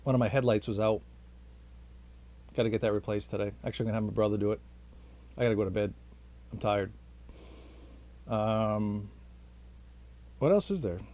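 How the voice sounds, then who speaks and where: A man's voice: fairly low pitch, moderate pace, long pauses, dark tone. A man talking casually to the camera in a rambling, hesitant, self-deprecating way. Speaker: vlogger.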